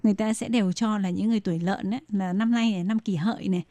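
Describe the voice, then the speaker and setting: A woman's voice: mid-range voice, steady tone, very fast, mellow, no room sound. A woman hosting a radio talk show, explaining steadily with many fillers. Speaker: radio host.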